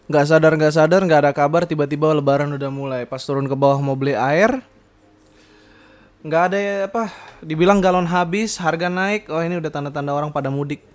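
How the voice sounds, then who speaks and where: A young podcast host with a fairly high voice talks fairly quickly in a casual solo chat. He rambles, often laughs, and fills his speech with fillers and self-corrections.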